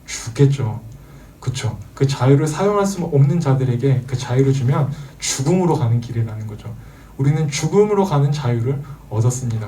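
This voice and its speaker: A man's voice: medium pitch, warm tone, recorded from a distance. A man preaching a sermon to teenagers, asking the audience questions and acting out the voices he quotes. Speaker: youth pastor.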